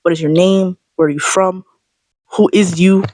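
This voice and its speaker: A woman vlogger ranting in a sassy, animated, slangy way, straight to camera. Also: lowish voice, moderate pace, dry recording. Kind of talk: casual ranting monologue.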